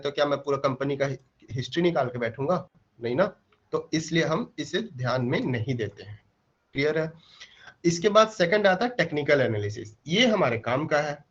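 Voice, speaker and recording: A man with a fairly high voice teaches a live online trading class on a close mic. He explains step by step, asks himself questions and checks whether the class follows. The audio sounds dull and lo-fi. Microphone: mic placed close.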